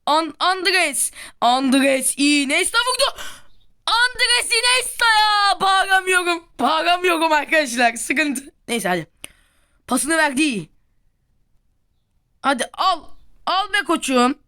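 Bright, excitable gaming commentator woman. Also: high voice. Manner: excitable, shouts and groans at plays. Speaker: gaming video host. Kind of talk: live football video game commentary.

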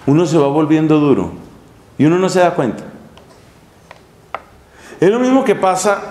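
A middle-aged man, a friar, preaching a sermon with lively, humorous storytelling in a monastery chapel. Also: sits high. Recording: echoey room, faint hum.

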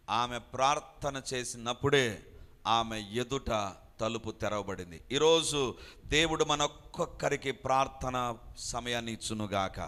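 A man's voice: a little high, pushed and bright. A man preaching a sermon, emphatic and repeating his phrases, dropping into English lines now and then. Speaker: pastor.

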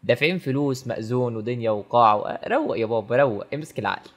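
A man's voice: mid-range voice, fast talker, very noisy. A man with an Egyptian Arabic accent giving teasing, mock-exasperated comedy commentary on a sketch. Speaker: comedy reaction host.

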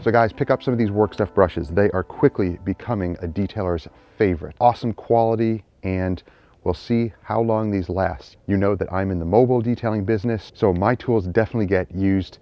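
A man's voice: lowish voice, brisk, dull audio, faint music behind. A man in his thirties hosting a car detailing channel, explaining tools in an upbeat, demonstrating way. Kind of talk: product demo narration. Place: garage workshop.

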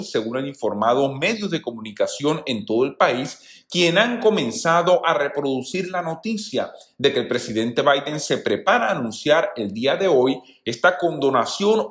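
Animated man giving news commentary. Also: on the high side. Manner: animated, addresses viewers as friends. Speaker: news channel host. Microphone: voice-over. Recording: roomy echo.

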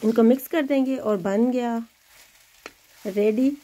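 Poor audio carries a woman's warm, slow voice, pitched on the high side. As host of a home cooking channel, she offers friendly encouragement while preparing food in her kitchen in a relaxed demonstration.

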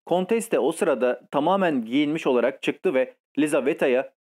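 A man reads a classic novella aloud in a steady, literary way. His voice sits a little above the usual male range, and his delivery stays even and unhurried. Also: a little high. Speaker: audiobook narrator. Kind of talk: scripted narration.

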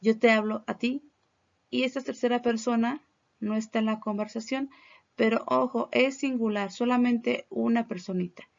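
A woman's voice: on the high side, fairly even intonation, normal speed, creaky, lo-fi sound. A woman from Mexico with a Mexican accent, teaching English in a recorded lesson, explaining patiently in Spanish and modeling English words for her students to repeat. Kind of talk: recorded classroom lesson on slides.

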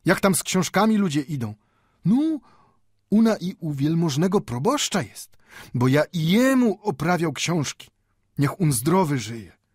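Brief: an old bookbinder with a Yiddish accent, high and lively, proud and fervent, in a storybook reading. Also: male voice, measured pace, slightly rough, dry recording, clean studio sound. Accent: Yiddish-inflected Polish. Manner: pleading, rhetorical questions, rising to fervor. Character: old male bookbinder, impassioned, wry, proud.

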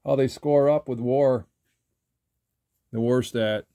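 Give me an older man chatting over his cards with a warm, mellow tone and halting restarts. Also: medium pitch, steady tone, no room sound. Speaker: trading card collector. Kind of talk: casual card-flipping commentary. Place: indoors at a table.

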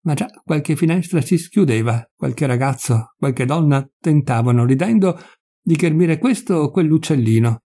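A man narrating a literary short story in a measured, expressive way. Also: on the high side. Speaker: audiobook reader.

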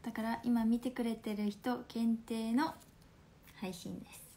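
A woman in her twenties from Fukuoka with a Hakata accent, chatting playfully on a phone livestream at home, laughing often and slipping into soft asides. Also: on the high side, fairly even intonation, a little slow, slight background noise. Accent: Hakata dialect. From Fukuoka, Japan. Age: 20s. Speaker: livestream host. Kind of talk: casual livestream chat reading viewer comments.

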